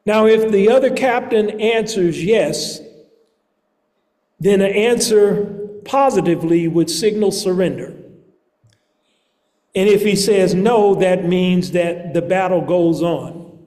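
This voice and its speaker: A man with a rather high voice delivers a sermon at an unhurried, measured pace. His words ring out in a large church with a long, lingering reverb. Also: darkish tone. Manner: slow, measured preaching with deliberate pauses. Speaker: preacher.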